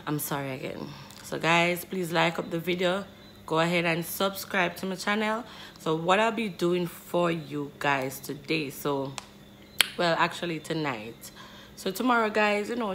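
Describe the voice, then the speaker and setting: Low-voiced, slow-talking woman in her twenties. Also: vocal fry, pushed and bright, a little hiss or hum. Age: 20s. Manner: chatty, addresses viewers as guys, rambling restarts. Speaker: vlogger. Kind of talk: casual vlog talking to camera. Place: small bedroom indoors. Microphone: phone camera close up.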